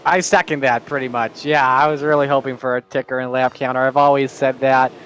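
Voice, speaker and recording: A man's voice: medium pitch, steady tone, fairly quick, fairly bright tone, a little hiss or hum. Man on a dull muffled line. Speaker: co-commentator. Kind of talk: sim racing commentary.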